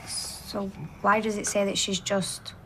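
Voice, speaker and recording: Soap drama: persistent, accusing young woman, medium pitch. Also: level tone, takes it slowly, bright, forceful tone, a little hiss or hum. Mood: suspicious. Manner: probing, accusing.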